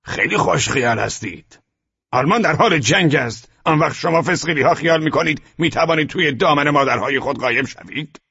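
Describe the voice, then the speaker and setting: A man's voice: on the high side, big pitch swings, slightly rough, voice pushed up, full character voice. A man voicing a brutal, mocking male SS officer who drags out his words and bellows, in an audiobook reading. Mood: scornful. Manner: barking, drawn-out mocking shouts. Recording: dull lo-fi audio.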